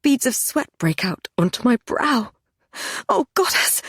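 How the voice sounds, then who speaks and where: A woman's voice: on the high side, expressive, moderate pace, breathy edge, dry recording, clean studio sound. A woman narrating a first-person fantasy romance audiobook with an intense, dramatic delivery.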